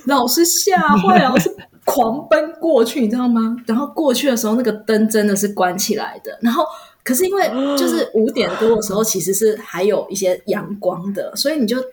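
A woman's voice: brisk, a little hiss or hum. A young adult woman, an elementary school teacher, telling a story in casual chat and acting out her students' voices. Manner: animated, acts out students' voices in high pitch.

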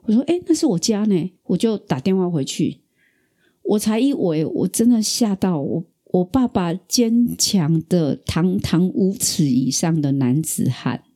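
A middle-aged woman from Taiwan hosting a podcast, telling a personal story in a lively, chatty way. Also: lowish voice, measured pace. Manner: animated storyteller, acts out quoted voices. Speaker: podcast host. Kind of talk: casual storytelling.

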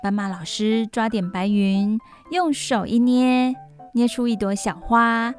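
Lady radio host reading a bedtime story like to a toddler, kinda high voice, music in back. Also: unhurried. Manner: reading aloud as to a toddler, with simple exclamations and repeated phrases. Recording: music playing behind the voice.

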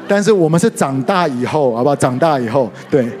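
A middle-aged man with a Taiwanese Mandarin accent preaching a sermon, telling stories animatedly with sudden leaps in pitch. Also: expressive, a little fast. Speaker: pastor and worship leader. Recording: reverberant hall with soft music behind.

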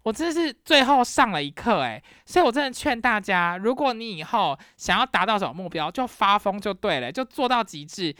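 Young woman, Taiwanese Mandarin accent, podcast storytelling, bright tone, dry close sound. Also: mid-range voice, fairly quick, hardly any pauses, dry recording. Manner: animated, acts out scenes dramatically. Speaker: podcast host. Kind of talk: casual storytelling.

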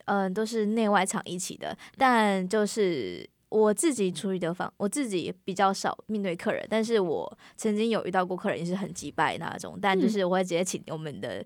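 A woman's voice: medium pitch, expressive, a little fast, hardly any pauses, studio quality. Young woman w taiwanese accent, chatty and colloquial, voice swings up and down, no echo. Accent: Taiwanese Mandarin. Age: young adult. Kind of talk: casual chat.

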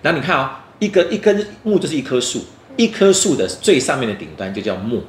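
Fast, animated Taiwanese-accented man teaching young children. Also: medium pitch. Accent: Taiwanese Mandarin. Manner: playful teaching as if to young children, with check questions and demonstrations. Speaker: children's story show host. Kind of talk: lively book talk for children. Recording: roomy echo, faint background noise.

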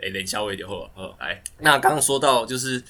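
Bright-voiced man teaching tones. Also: medium pitch. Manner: explains patiently, chants mnemonics slowly. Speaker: Taiwanese language teacher. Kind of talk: casual explanatory lesson chat.

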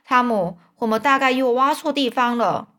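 A woman reading aloud as a scrappy, carefree boy in a storybook, blunt and a little whiny. The voice sits fairly high, with a lilt. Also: normal speed, a bit bright, lightly acted. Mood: casual, curious.

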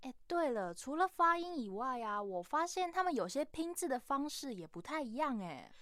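A young woman co-hosts a radio chat in a slightly high voice. She explains each point and spells out examples, recorded dry and close in a studio. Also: sing-song, moderate pace, a bit bright, no echo. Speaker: radio co-host.

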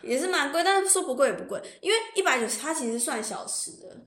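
A woman from Taiwan tells a story as a podcast guest in a casual chat. She is animated, laughs often and drops in English phrases. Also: sits high, fast talker. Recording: roomy echoey room.

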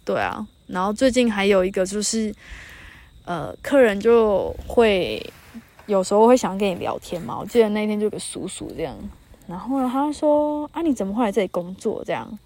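A woman's voice: medium pitch, big pitch swings, moderate pace, darkish tone. Chatty Taiwanese woman podcaster. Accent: Taiwanese Mandarin. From northern Taiwan. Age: 30s. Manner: chatty storytelling, quotes people, laughs often. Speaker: podcast host. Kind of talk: casual solo podcast chat. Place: mountain campsite by a campfire.

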